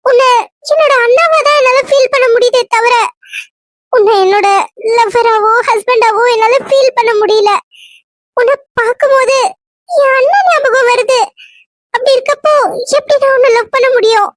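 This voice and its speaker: A woman voicing a young woman who softly and sadly turns down a suitor in a cartoon serial. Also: very high voice, moderate pace, dry recording, studio quality.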